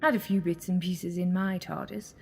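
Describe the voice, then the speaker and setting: A woman's voice: lowish voice, steady tone, normal speed, vocal fry, husky. A woman acting in an audio drama as a sly, mocking alien villainess posing as a goddess, theatrical and taunting. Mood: pragmatic. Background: music.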